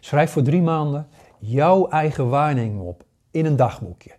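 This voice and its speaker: A man's voice: a little high, expressive, unhurried, darkish tone. Hesitant man in his sixties. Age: 60s. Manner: hesitant, many fillers and restarts. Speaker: paranormal course teacher. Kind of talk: casual spoken lesson.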